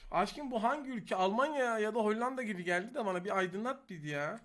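A man's voice: sits high, fast. A man in his twenties casually reacting to a video, joking and swearing often. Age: 20s. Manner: foul-mouthed, swears often; animated, joking.

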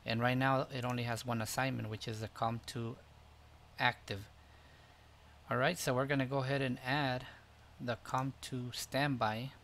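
A man in the middle of his pitch range talks through a flight-sim tutorial, step by step and unhurried, with ums and restarts. His desk mic picks up a faint hum of room ambience behind him. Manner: relaxed step-by-step explaining with fillers. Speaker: tutorial host. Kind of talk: screen-recorded software tutorial.

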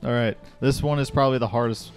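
A man's voice: mid-range voice, fairly even intonation, fast talker, faint music behind. A young man co-hosting a let's play, wisecracking and laughing through casual commentary.

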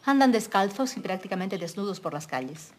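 A woman's voice: medium pitch, very animated, fairly quick, lightly acted. An actress playing a haughty, stern colonial-era mother who scolds her daughter. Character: stern colonial mother, middle-aged woman. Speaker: mother of Mariana.

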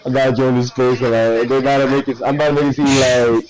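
A man in a group voice chat, loud and excitable, laughing a lot. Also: mid-range voice, fast. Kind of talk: casual rowdy banter. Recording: loud noisy voice chat line.

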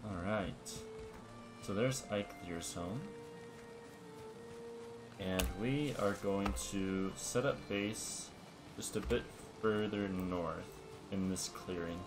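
A man hosting a let's-play, explaining game mechanics step by step in a relaxed, casual way. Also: deep voice, slow pace, pauses often. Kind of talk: casual gameplay commentary. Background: background music.

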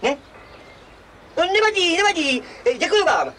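An actor playing a teasing male caller who stammers and giggles in a high voice. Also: sing-song, distant mic. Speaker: caller on the phone.

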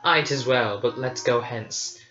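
A man voicing a wise, gentle old hermit knight in measured verse. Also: medium pitch. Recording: roomy, slightly dull, faint music.

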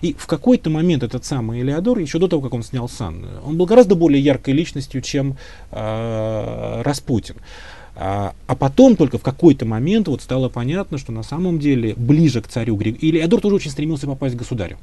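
A man's voice: mid-range voice, animated, a little fast, mellow, no room sound. A man being interviewed as a history expert, answering at length in a thoughtful, hedging way with frequent filler sounds. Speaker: historian guest.

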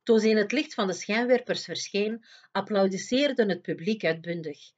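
Een vrouw die een kinderboek hardop en expressief voorleest. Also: female voice, mid-range voice, normal speed, lo-fi sound. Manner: expressive, lively storytelling. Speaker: storyteller reading aloud. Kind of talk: reading a children's book aloud.

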